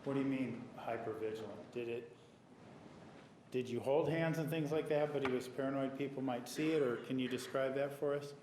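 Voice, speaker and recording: A man working as a trial attorney, questioning a witness in a measured, deliberate way with pauses. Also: medium pitch, a little mellow. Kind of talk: courtroom questioning. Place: courtroom. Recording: echoey courtroom audio with faint noise.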